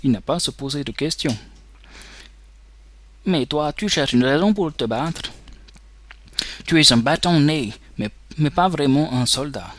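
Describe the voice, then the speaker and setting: A man voicing a stern, legendary female soldier and mentor with a put-on German accent, lecturing slowly. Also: a little high, animated, a bit bright, no room sound.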